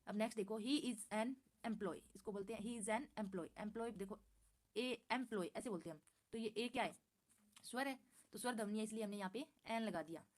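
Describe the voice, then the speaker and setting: A woman walks through a grammar lesson from slides. She repeats each point, answers her own questions and reads the English examples slowly and carefully. Her voice sits at an ordinary middle pitch. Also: darkish tone. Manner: patient, repeats points and asks herself questions. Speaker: English teacher.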